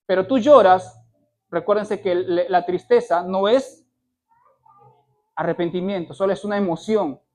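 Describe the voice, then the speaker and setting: High-voiced insistent male preacher. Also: measured pace, long pauses, a little mellow. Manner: insistent, repetitive preaching with rhetorical questions; corrects himself mid-sentence. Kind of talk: sermon.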